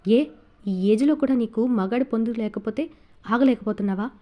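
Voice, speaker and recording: A woman's voice: on the high side, moderate pace, dark tone, natural voice. A woman reading Vasu, a sneering cruel husband. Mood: contemptuous. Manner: taunting, contemptuous. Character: cruel sneering middle-aged man, abusive husband.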